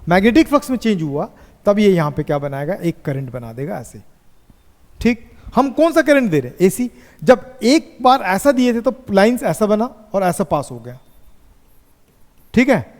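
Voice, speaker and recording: A man teaching physics in a classroom, asking students questions and dictating notes slowly. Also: high voice, sing-song, darkish tone. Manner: slow dictation. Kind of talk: classroom lecture. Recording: echoey classroom reverb.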